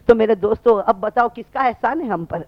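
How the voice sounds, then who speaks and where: A man preaching an emotional sermon, swinging between loud high cries and hushed low asides, and often questioning his listeners. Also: no room sound, muffled recording. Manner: keeps questioning the audience directly.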